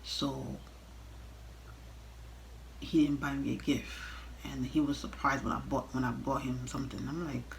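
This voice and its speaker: A young woman telling a casual, animated storytime rant, blunt and exasperated, swearing freely as she talks straight to viewers. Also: very deep voice, a little slow, gravelly, pauses often, slight background noise, rough recording. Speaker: storytime vlogger.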